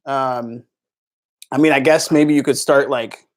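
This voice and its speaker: A man's voice: mid-range voice, steady tone, a little slow. A man co-hosting a live stream, talking loosely about baseball with lots of fillers. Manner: loose, filler-heavy, reads viewer comments. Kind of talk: casual sports chat on a live stream.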